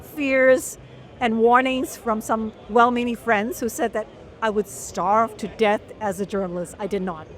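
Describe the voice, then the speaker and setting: A middle-aged woman from Malaysia, a journalist being interviewed, telling her story in an articulate, measured way. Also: on the high side, fairly even intonation. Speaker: guest journalist. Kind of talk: long-form interview.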